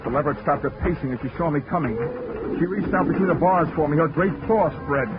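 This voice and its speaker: Narrating his own case, a wisecracking insurance investigator comes through in a lightly acted, fast voice on the high side, dry and wry in delivery. It's 1940s radio acting, captured on a dull, very noisy recording with music.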